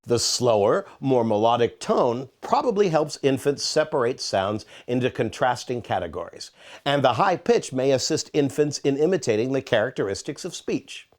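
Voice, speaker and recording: Lively male quiz narrator. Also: mid-range voice, normal speed. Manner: reads multiple-choice questions with playful emphasis. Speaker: author and narrator.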